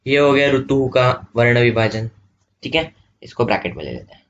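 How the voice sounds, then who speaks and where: A man teaching an online revision lesson, explaining slowly and repeating each step, checking often that students follow. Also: mid-range voice, lively intonation, highs cut off, slight background noise. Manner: slow, repetitive explaining with frequent checks.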